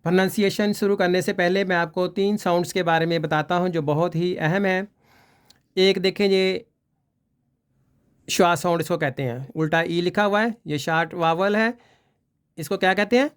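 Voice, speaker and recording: A man's voice: sits high, normal speed, clear, resonant tone. A man teaching English pronunciation, patiently repeating vowel sounds for students to copy. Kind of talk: slow spoken pronunciation lesson.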